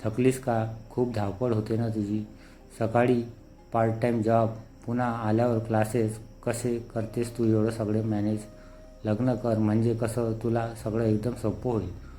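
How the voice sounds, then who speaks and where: A gentle, teasing young man courting a woman, read by a male storyteller. He speaks softly and quietly, with a dark, mellow tone and little change in pitch. Faint music runs underneath. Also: level tone, unhurried, lightly acted.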